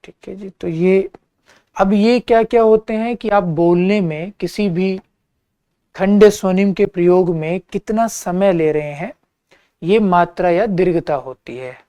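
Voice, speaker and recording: Slow, mellow-voiced male teacher. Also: high voice, clean tone, dry recording. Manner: patient, repeats key terms and checks in with listeners. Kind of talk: exam-prep lecture.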